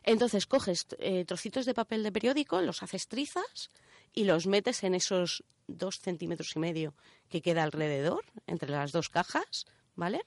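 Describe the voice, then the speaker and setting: A woman with an accent from Spain presents a section on a radio show, explaining things informally step by step and often checking that listeners are following. Her voice is fairly low with lively intonation at a moderate pace, in a dry recording.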